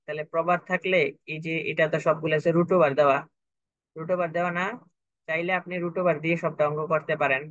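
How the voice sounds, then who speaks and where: A young man teaches a math lesson, breaking each step down patiently and repeating himself to make sure students follow. His voice sits slightly high for a man. The recording is dry and dull, like a lo-fi online class. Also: level tone, fast, a bit bright, no echo. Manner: patient, repetitive, checks for understanding. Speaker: math tutor.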